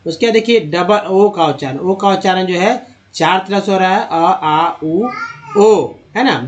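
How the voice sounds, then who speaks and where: A man teaching English reading, slowly and patiently sounding out words one by one. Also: high voice, dull audio. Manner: slow, patient word-by-word drilling.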